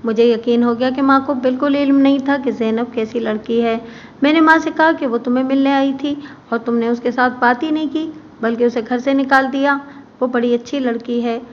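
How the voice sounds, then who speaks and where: Woman storyteller, steady crime-story reading, slightly high voice, dull lo-fi sound with faint hiss. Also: brisk. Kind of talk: scripted narration of a crime story. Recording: muffled with faint background hiss.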